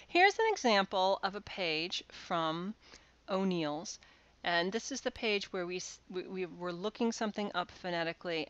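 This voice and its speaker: A woman's voice: on the low side, fairly bright tone, clear, resonant tone, lo-fi sound. A woman lecturer giving a recorded university course lecture over slides, explaining step by step with frequent "uh"s and restarts.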